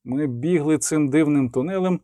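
Male audiobook narrator, dramatic reading, mellow tone, dry close sound. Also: fairly high pitch, moderate pace, dry recording. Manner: reads with lively dramatic emphasis, voicing the dialogue lines. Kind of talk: scripted narration.

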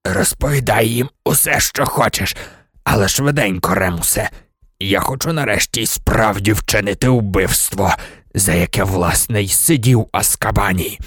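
A man voicing a hoarse, vengeful middle-aged escaped prisoner in a low, menacing half-whisper. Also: normal speed, fairly bright tone, dry recording, studio quality. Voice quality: hoarse, rasping.

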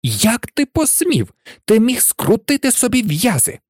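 A man's voice: extremely high pitch, huge pitch swings, a little slow, a little mellow, slightly rough, no room sound, clean studio sound, pitched above the performer's own voice, full character voice. A man voicing a strict older woman professor in a storybook reading, scolding and shocked.

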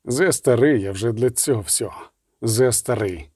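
A man voicing a weary, gruff monster hunter who growls his curt words. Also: medium pitch, moderate pace, a little mellow, dry recording, natural voice.

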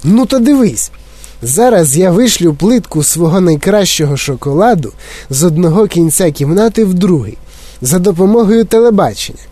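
A male storyteller puts on a fizzing, eccentric chocolate maker from a children's storybook. He pitches up high and barks eager orders. The voice sits close and dry. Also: expressive, normal speed, dark tone, dry recording. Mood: commanding. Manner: exclaiming, bossy and eager.

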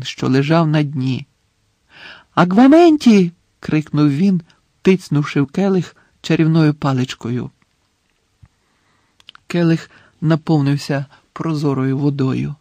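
Casual: guy reading a story out loud, dramatic and measured, bit high voice, dead dry sound. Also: no echo. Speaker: audiobook narrator. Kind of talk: scripted narration.

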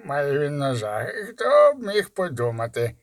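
A lisping bandit with a heavy club drags out his words, slow and mocking, as a man reads him. The voice sits a little higher than a plain reading. It sounds dry and close, with no room in it. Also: sing-song, fairly bright tone, no room sound. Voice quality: slight lisp.

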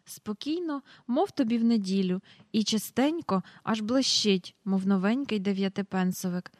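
A woman voicing a gossiping middle-aged cook in an audiobook, chattering quickly and confidingly. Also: mid-range voice, no room sound, studio quality, lightly acted. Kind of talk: audiobook character reading.

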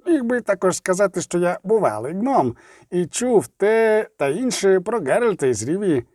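A man voicing a gruff, blunt male dwarf leader in an audiobook, mocking and quick to swear. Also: high voice, big pitch swings, darkish tone, no room sound, studio quality, pitched above the performer's own voice. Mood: sly. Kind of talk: audiobook reading.

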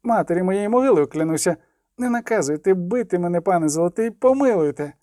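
Man playing a high, fawning young peasant lad, rustic and rambling, audiobook figure. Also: animated, fast talker, mellow, no room sound, studio quality. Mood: pleading. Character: servile eager young male peasant lad.

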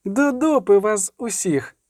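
Гнівна, нестримана чаклунка у виконанні чоловіка-читця вигукує високо й збуджено. Запис близький, сухий, без кімнатного відлуння. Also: male voice, high voice, lively intonation, slow pace, no echo, studio quality, pitched above the performer's own voice. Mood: furious. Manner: shouting, crude, agitated. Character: fiery, foul-mouthed young sorceress.

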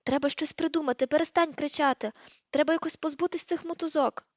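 Woman doing a tense teen boy giving orders, highish voice. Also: steady tone, quick pace, dry recording, highs cut off, close to an everyday voice. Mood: urgent. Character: tense determined teenage boy wizard.

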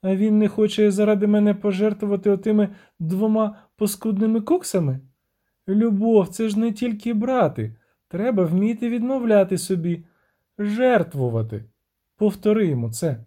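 Man voicing a siren, young female, shrill, singsong, haughty, audiobook figure, high voice. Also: lively intonation, moderate pace, warm tone. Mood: indignant.

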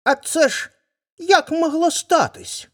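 A woman putting on a high, swooping storybook hare. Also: wildly swooping pitch, slow, exaggerated voice. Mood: boastful. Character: boastful male hare, quick to anger.

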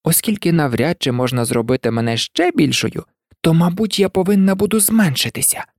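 A woman's voice: sits low, lively intonation, a little fast, darkish tone, dry recording, clean studio sound. A woman voicing a curious, clever young girl who muses aloud to herself. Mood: musing. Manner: musing, talking to herself. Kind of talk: audiobook character voice.

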